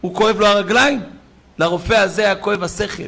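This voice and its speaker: A man preaching a sermon, fiery, swinging between shouted emphasis and quiet storytelling. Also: sits high, gravelly.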